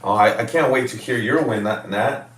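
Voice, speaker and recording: A man's voice: mid-range voice, normal speed, background noise. Hyped-up fitness coach guy on a video call, roomy sound, kinda far from the mic. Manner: loud, excitable, hype-man energy. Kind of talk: casual video-call chat.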